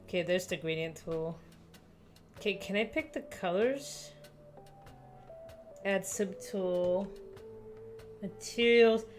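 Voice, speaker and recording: A young artist talks herself through a digital drawing in casual commentary, muttering and poking fun at her own work. Her medium-pitched voice moves slowly with long pauses over soft background music.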